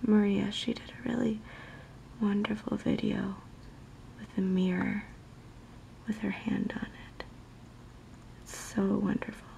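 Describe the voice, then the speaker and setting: A young woman speaks in a soft ASMR whisper, gently chatting to her viewers. Her voice is mellow and slightly gravelly, with a slow, soothing murmur that stays unhurried throughout. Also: medium pitch, little pitch movement, slight background noise, low-quality recording. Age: young adult. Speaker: ASMR video maker.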